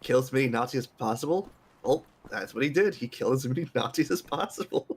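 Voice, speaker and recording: A man with a medium-pitched voice talks over gameplay. He speaks casually, as a co-commentator in an informal chat. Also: animated, fast talker, slightly rough. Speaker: gaming co-commentator.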